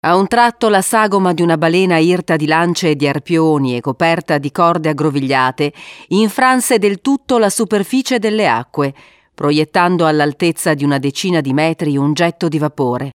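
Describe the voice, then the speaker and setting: A woman narrating an adventure storybook in a measured, expressive reading. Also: sits low, clean tone, dry recording, clean studio sound.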